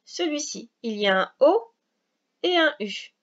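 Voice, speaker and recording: A woman teaching a recorded reading lesson for young children, explaining slowly, patiently and step by step. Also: high voice, lively intonation, muffled recording.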